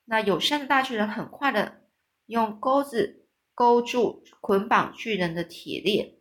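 A woman's voice: on the high side, measured pace. Woman reading a children's story aloud. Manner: stops to explain hard words simply, relaxed, with restarts.

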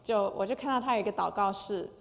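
Gravelly older woman telling an emotional story. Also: mid-range voice, quick pace. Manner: emotional storytelling with frequent hesitations. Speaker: concert pianist. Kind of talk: personal testimony. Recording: long hall reverb.

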